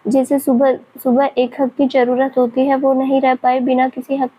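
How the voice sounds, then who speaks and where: A woman's voice: high voice, monotone, moderate pace, mellow, poor audio. A woman reading a teasing young lover.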